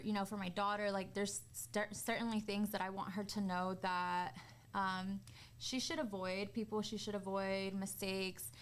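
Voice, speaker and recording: Smooth and medium-pitched, this twenty-something woman co-hosts a podcast. Her talk is informal and candid, peppered with "like."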